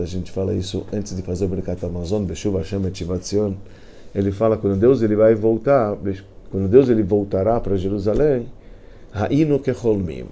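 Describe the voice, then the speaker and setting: Telling a Talmud story to his class, this rabbi keeps things animated and colloquial, tossing in slang and restarting sentences. He has a lowish voice with vocal fry, and there's slight background noise.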